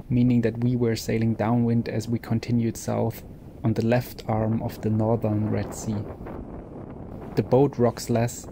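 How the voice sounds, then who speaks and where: A man narrating his travel vlog in an even, matter-of-fact voice-over. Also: mid-range voice, a little hiss or hum. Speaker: vlogger narrating his trip. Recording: voice-over with loud music behind.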